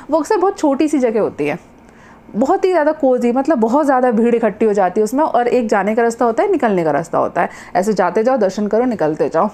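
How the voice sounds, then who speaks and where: A woman doctor telling a personal story in a casual monologue, her voice rising high and loud at dramatic moments. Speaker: doctor sharing personal experience.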